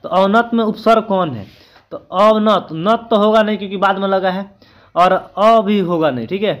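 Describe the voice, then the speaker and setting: A man's voice: sits high, normal speed, highs cut off. A man teaching a casual exam-prep lesson, chatty, thinking aloud and correcting himself as he goes. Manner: chatty, keeps adding "ठीक है" after points.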